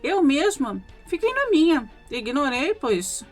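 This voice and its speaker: A woman's voice: sits high, very animated, takes it slowly, soft background music. A woman narrating a supernatural account in the first person, chatting directly to her listeners. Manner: conversational, addresses listeners directly. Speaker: storyteller reading listener accounts.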